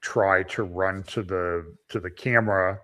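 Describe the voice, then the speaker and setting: A man who is a lawyer, hosting a conversation and telling stories in a measured, skeptical way. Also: deep voice, steady tone, bright, forceful tone. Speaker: host and lawyer. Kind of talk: conversational commentary.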